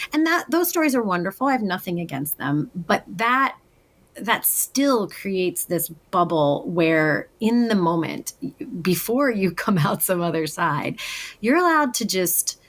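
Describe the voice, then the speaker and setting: A woman, a business coach, answering as a guest in an interview, telling personal stories in a reflective, earnest way. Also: on the low side. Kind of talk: conversational interview storytelling.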